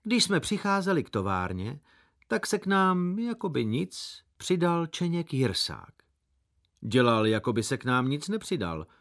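Male audiobook narrator, animated, playful delivery, mid-pitched. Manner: lively, playful storytelling. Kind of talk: audiobook reading.

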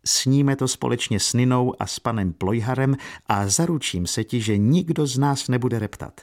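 A man voicing a gentle, composed young noblewoman in a read-aloud novel, speaking softly and graciously. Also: medium pitch, voice pushed up, natural voice. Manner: soft, gracious.

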